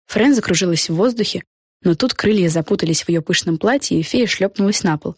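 A woman narrating a children's storybook in an expressive, measured way. Her voice is lowish and a little husky. The recording is close and dry. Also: dry recording. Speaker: audiobook narrator.

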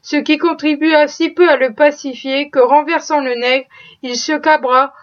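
A woman reading a classic novel aloud as audiobook narration, steady and expressive. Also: high-pitched, measured pace. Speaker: audiobook reader. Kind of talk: scripted narration. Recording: dull lo-fi recording.

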